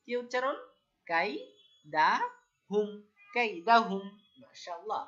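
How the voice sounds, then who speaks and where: Woman recitation teacher, slow and patient, drills syllables then asks for repetition, muffled lo-fi sound. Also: mid-range voice, lively intonation, a bit bright. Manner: spells out syllables, then asks listeners to repeat. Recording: dull lo-fi sound.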